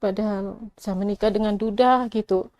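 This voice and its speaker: A woman's voice: medium pitch, steady tone, moderate pace, darkish tone, no room sound. A middle-aged woman telling her own life story in a casual way, acting out the arguments by quoting both sides. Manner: conversational, with many restarts and asides.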